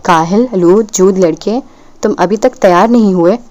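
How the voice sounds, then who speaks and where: A woman's voice: on the low side, steady tone, mellow, muffled recording, lightly acted. A woman reading the lines of a blunt, impatient young woman in an audiobook, sulky and curt.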